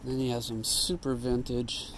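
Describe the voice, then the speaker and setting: This vlogger's mid-range, fairly bright voice stays mostly level at a moderate pace as he strolls an outdoor parking lot, thinking aloud and correcting himself. The handheld phone recording is rough, with a little hiss or hum.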